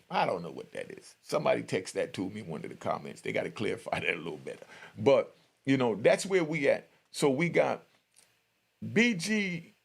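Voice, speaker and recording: A middle-aged YouTube storyteller and commentator with a mid-range, gravelly voice tells prison stories in casual speech. His manner is slangy and streetwise, and he often checks in with the listener.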